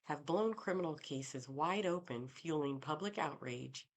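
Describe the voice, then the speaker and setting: A woman reads a first-person mystery audiobook with a very deep, low-pitched voice. Her delivery is calm and even, the steady pace of a seasoned narrator. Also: measured pace.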